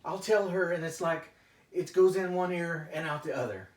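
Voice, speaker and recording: Echoey room, off-mic, frustrated male therapy client, acted by a man, stressed working father, halting confessional speech, role-play. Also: on the low side, lightly acted. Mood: agitated, bitter. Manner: halting, hesitant, confessional, with frequent trailing phrases. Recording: echoey room, distant mic, faint noise.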